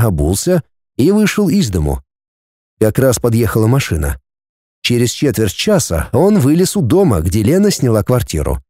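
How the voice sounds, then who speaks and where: A man reading a novel aloud as an audiobook narrator, in a steady storytelling manner. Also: mid-range voice, no echo, clean studio sound.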